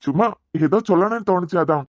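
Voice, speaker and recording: A man voicing a caring, anxious middle-aged father in a cartoon serial, speaking with a Kanyakumari Tamil accent in a soft, fatherly way. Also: high voice, expressive, quick pace, dry recording, studio quality. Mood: gentle.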